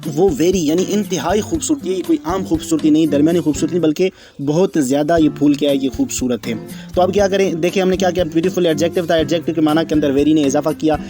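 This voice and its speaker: A man teaching English grammar, slow and repetitive, asking himself questions and answering them. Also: on the high side, over music. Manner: slow, repetitive explaining with fillers and rhetorical questions. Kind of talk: explanatory lesson.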